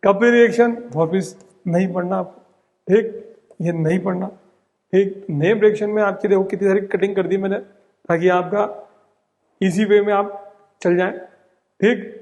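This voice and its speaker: A young man with a high voice, runs through exam-prep chemistry rapidly and keeps checking in with his students. His voice carries a long reverb, as if lecturing in a large hall. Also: fairly even intonation, a little mellow. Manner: rapid, drilling, repeats "ठीक" and "बहुत simple". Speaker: chemistry teacher.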